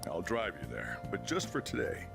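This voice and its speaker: A deep, gruff, creaky guardian. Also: male voice, big pitch swings, moderate pace. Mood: grudging. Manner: grumbling, curt. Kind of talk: scripted video game acting. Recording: game audio with music underneath.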